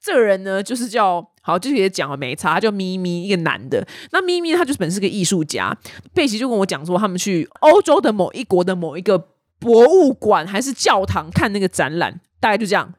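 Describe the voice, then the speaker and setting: A young adult woman, hosting a casual news chat with animated storytelling. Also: medium pitch, fairly quick, no room sound, studio quality. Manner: chatty, animated storytelling with voiced quotes. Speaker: news podcast host.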